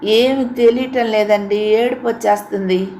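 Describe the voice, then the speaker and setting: A woman voicing a timid, gentle young male house servant who speaks softly and hesitantly. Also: fairly high pitch, steady tone, a little slow, a little hiss or hum.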